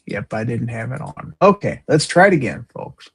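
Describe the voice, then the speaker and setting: Husky-voiced man hosting a chatty podcast. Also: mid-range voice, sing-song. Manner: quick, chatty, sharing screen clips. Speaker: podcast host. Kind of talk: casual live panel chat.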